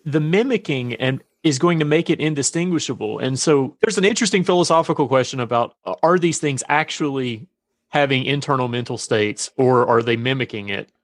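A man's voice: mid-range voice, fairly quick, no room sound. Eager man stumbling into a point. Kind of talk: panel discussion.

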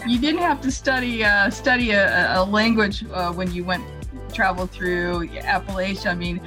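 A woman's voice: mid-range voice, normal speed, pushed and bright, soft background music, rough recording. A woman co-hosting a podcast and chatting with a guest in a conversational interview.

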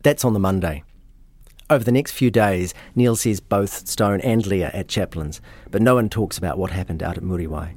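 A man, hosting and narrating a true-crime story in a measured, matter-of-fact way. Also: sits low, a little mellow. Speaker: podcast host.

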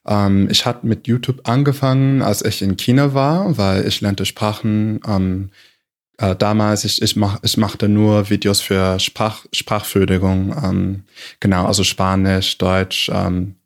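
A man's voice: fairly low pitch, little pitch movement, a little slow. A young American man from Michigan speaking German as a second language over a video call. He hesitates, uses lots of fillers and corrects himself mid-word. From USA, Michigan. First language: English. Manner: hesitant non-native German with many fillers and self-corrections. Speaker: podcast guest. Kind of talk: casual interview chat.

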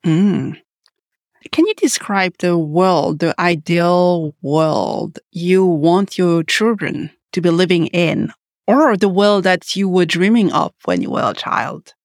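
A woman's voice: fairly low pitch, slow pace, no echo, clean studio sound. A woman hosting a business podcast, reading a scripted welcome and then asking her guest conversational questions. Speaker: podcast host. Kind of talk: podcast interview.

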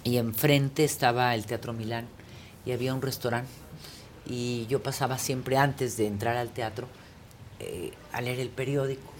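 A woman with a Mexican accent, a guest telling lively anecdotes in casual chat and acting out the people she quotes. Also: a bass voice, moderate pace, slight background noise. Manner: lively storyteller, acts out quoted voices with laughter.

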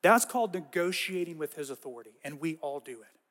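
A man giving a conversational sermon as pastor, with casual, animated storytelling and frequent asides. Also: on the high side, fairly quick, in a large hall.

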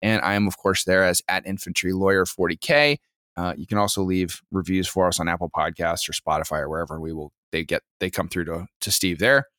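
A man hosts a casual podcast, running briskly through announcements before turning to questions for his co-host. His voice sits low. The sound is dry, with no room echo. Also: steady tone, pushed and bright.

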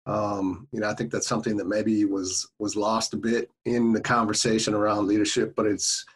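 Male podcast host, husky and low, laid-back, full of fillers. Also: little pitch movement, moderate pace. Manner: friendly, many fillers like "you know" and "like". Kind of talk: casual interview chat.

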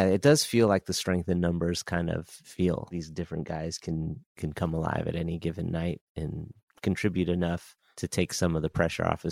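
A man with a very deep, gravelly voice chats as a podcast guest. The sound is close and dry, and he talks in an easygoing way, peppered with "you know". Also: darkish tone, no echo. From San Francisco Bay Area. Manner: easygoing, filler-heavy, "you know" throughout. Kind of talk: casual sports chat.

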